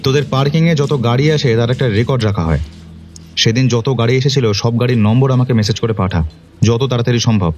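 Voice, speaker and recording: A man plays an authoritative police detective who questions people in a firm, measured way. His voice sits at an ordinary middle pitch. Soft background music plays under the scene in this audio drama. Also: muffled recording, close to an everyday voice. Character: commanding male police detective.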